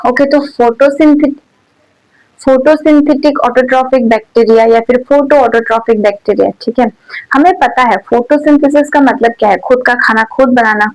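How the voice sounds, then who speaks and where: A woman teacher giving a botany lecture, speaking softly into a new mic and checking in with "theek hai" and rhetorical questions. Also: fairly high pitch, rough recording. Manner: says "theek hai" and "dekho" constantly, asks rhetorical questions; speaks softly and holds back her volume. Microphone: newly bought mic.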